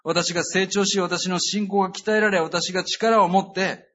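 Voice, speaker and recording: A man preaching a sermon in an earnest, emphatic way, often pausing on fillers. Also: sits high, steady tone, fairly bright tone, dull audio. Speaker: pastor.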